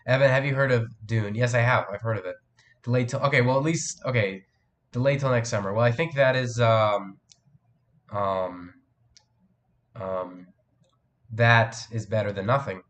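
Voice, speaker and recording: A man's voice: medium pitch, steady tone, moderate pace, pauses often, a bit bright. Teenage boy with a cold, chatting. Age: teens. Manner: rambling, answers chat, many fillers and restarts. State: has a cold, voice cracks. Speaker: live stream host. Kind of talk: casual live stream chat.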